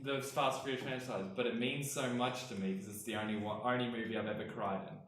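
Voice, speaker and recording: A man's voice: mid-range voice, fairly even intonation, fast, fairly bright tone, recorded from a distance, a little hiss or hum. A man co-hosting a casual film chat, candidly telling a personal story. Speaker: podcast co-host. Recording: very echoey room, off-mic.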